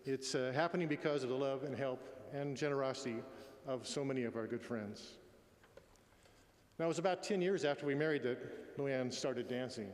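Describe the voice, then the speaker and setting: A man in his sixties giving a eulogy in a tender, faltering, halting way. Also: mid-range voice. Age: 60s. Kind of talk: eulogy, spoken address. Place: large echoey room at a memorial gathering. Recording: echoey hall with long reverb.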